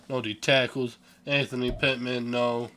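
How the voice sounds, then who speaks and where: Sleepy and yawning, a young gaming-channel host talks offhandedly over a sports video game, now and then cursing and tripping over names. His voice is medium-pitched with a sharp tone, and there's slight background noise.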